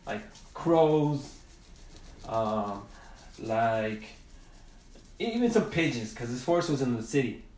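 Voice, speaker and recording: A man leads a drawing lesson, telling a gentle story as he colors. He speaks in a middle-pitched voice, unhurried and halting, with frequent restarts. The sound is roomy and distant, as if the mic were several feet away. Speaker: art teacher.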